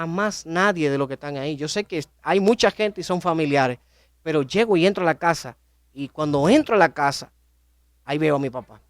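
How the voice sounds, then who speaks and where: A man's voice: fairly high pitch, dry recording, studio quality. A young man giving a personal faith testimony, telling his story emotionally with many repetitions and restarts. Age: young adult. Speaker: testimony speaker.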